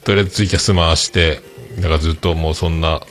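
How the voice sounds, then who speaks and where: A man with a who hosts a podcast, telling a story casually and acting out the dialogue with lively energy. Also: a bass voice, fast. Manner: animated, acts out quoted dialogue. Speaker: podcast host.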